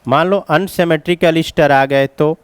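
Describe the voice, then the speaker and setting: A man's voice: fairly high pitch, steady tone, moderate pace, clear, resonant tone, no room sound. A man teaching chemistry as a classroom lecture, explaining each step and calling his students children.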